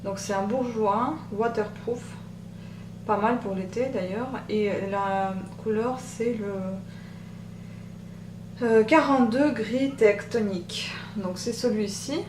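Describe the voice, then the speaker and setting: A woman with a soft voice talking through a makeup tutorial in a relaxed, chatty way, pausing often. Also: fairly high pitch, recorded from a distance. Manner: chatty, hesitant with many pauses. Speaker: beauty vlogger. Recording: roomy echo, off-mic, machine hum. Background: machine hum.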